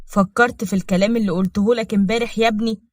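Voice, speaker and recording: A woman's voice: mid-range voice, fairly even intonation, very fast, no room sound, studio quality, natural voice. A woman voicing a firm, caring father who counsels his son, in Egyptian Arabic. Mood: fatherly. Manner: fatherly, persuasive.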